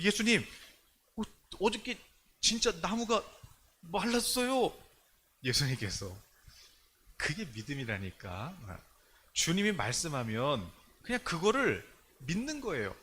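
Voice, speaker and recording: A man's voice: high-pitched, slight background noise. A male pastor giving a conversational sermon in church, talking in a loose, chatty way and acting out the people he quotes. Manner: animated, colloquial, acts out quoted dialogue.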